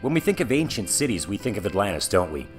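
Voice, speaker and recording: A man's voice: on the low side, sing-song, quick pace. A man narrating a scripted facts video in an upbeat manner. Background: background music.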